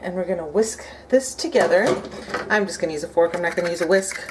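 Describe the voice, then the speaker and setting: A fast-talking woman with a fairly low voice narrates casually as she cooks a recipe indoors at home. She's a home cooking vlogger in her thirties, upbeat and thinking aloud, with dishes, utensils, cutlery and pots clinking clearly around her.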